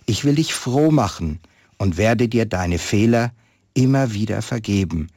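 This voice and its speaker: A man voicing the holy infant in a manger, speaking gently and earnestly in a read-aloud Christmas story. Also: fairly low pitch, lively intonation, unhurried, dry recording, clean studio sound. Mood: tender.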